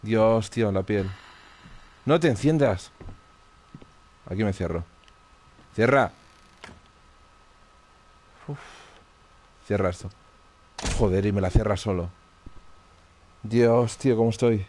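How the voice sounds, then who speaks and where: A man's voice: fairly low pitch, fairly even intonation, moderate pace, long pauses, warm tone. A man with a Spain Spanish accent streaming live horror gameplay commentary, tense and muttering, swearing often.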